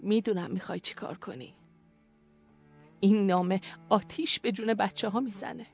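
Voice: medium pitch, steady tone, gravelly, soft background music, lightly acted. Storyteller doing a weary male commander, pleading, emotional, audio story, faint violin behind. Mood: questioning. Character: grieving war commander, man, weary and pleading.

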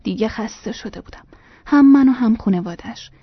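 A woman reading a first-person memoir aloud in a soft voice that often drops almost to a whisper. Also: fairly high pitch, husky, dry recording, dull audio. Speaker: narrator.

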